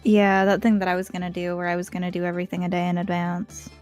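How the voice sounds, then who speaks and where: A woman's voice: on the low side, level tone, fast talker, a little mellow, soft background music. Blunt young woman on a streaming headset. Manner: blunt and swears freely. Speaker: art streamer. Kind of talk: casual chat while drawing on a livestream. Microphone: livestream headset mic.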